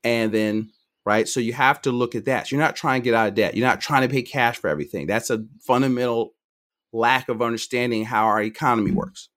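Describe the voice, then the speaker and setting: A middle-aged man speaks at a middle pitch in an energetic podcast interview. He talks fast and jumps from point to point, and often restarts his sentences mid-thought. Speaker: financial advisor, podcast guest.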